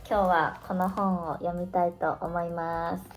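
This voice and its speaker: A woman's voice: on the low side, level tone, unhurried. Woman, 20s, teacher vlogging her day; chatty, thinks aloud; faint music bed. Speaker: online Japanese teacher. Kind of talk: casual vlog narration.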